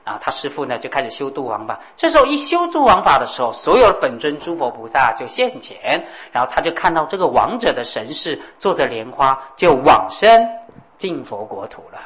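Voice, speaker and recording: A woman telling a Buddhist story in an animated way, with exclamations and sound effects. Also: low voice, a little fast, highs cut off.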